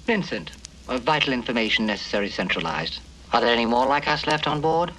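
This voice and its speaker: An actor playing a proud, loyal service robot in a storybook dramatization. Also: male voice, medium pitch, very animated, a little fast, distant mic, noisy background, natural voice. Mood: proud, brisk.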